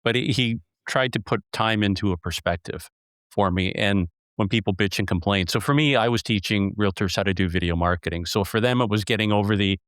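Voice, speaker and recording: A man's voice: fairly low pitch, fairly quick, fairly bright tone, smooth, no room sound, clean studio sound. A man hosting an interview, asking questions in a playful, joking way and setting them up with stories. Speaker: podcast host, interviewer. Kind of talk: conversational interview.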